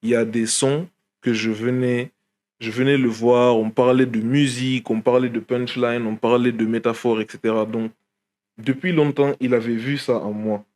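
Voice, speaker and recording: A man's voice: mid-range voice, fairly even intonation, normal speed, darkish tone. A young man from Guinea, a rapper, talking casually in an interview with many fillers and restarts. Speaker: rapper guest.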